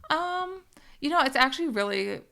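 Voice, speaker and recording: A woman's voice: sits high, lively intonation, moderate pace, vocal fry, pushed and bright. A middle-aged woman from Canada chatting as a podcast guest. She laughs often and hesitates with frequent ums. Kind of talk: casual interview chat.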